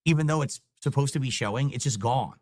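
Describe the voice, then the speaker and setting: A young man streaming live, chatting casually and getting frustrated and swearing while fixing his stream software. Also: mid-range voice, fast talker, no echo, clean studio sound. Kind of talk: casual livestream chat.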